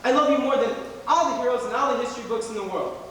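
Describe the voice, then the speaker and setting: A young man in an amateur stage musical playing a confident young factory boss, smooth and reassuring. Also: extremely high pitch, rapid-fire, a bit bright, a little hiss or hum. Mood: romantic. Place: theater stage before an audience. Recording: distant echoey stage recording, long reverb.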